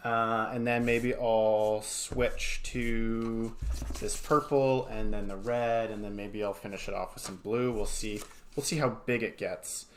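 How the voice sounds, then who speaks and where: In a home studio, a man with a lowish voice and a steady tone talks at a measured pace. He's an art educator walking through a casual, step-by-step craft tutorial, rambling a bit with informal asides. Clear background noise and small clicks are audible.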